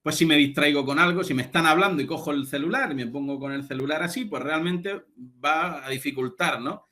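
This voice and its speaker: A man delivering a recorded lecture in a fairly high voice. He explains patiently and keeps checking that his listeners follow along, with lots of small fillers between points. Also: fairly quick, bright, forceful tone.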